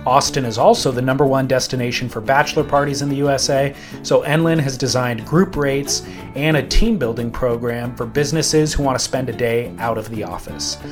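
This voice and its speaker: A man's voice: medium pitch, a little fast. A man delivering scripted narration as the host of a feature. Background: plucked guitar music.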